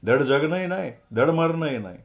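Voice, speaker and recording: A man voicing an outspoken, teasing young college man who talks loud and lively. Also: on the high side, normal speed, vocal fry.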